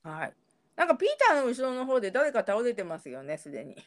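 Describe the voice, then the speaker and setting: A woman chatting about a TV episode she has watched. Her voice rises and falls a great deal as she retells the scenes, which keeps her delivery animated and expressive. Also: fairly high pitch, fast talker. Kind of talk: casual chat recapping a TV episode.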